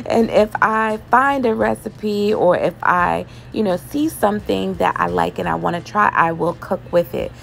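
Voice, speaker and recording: A woman chatting casually as she cooks in her home kitchen, relaxed and loose, with laughs and fillers. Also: mid-range voice, measured pace, creaky, a little hiss or hum. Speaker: home cooking vlogger. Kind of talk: casual cooking voice-over.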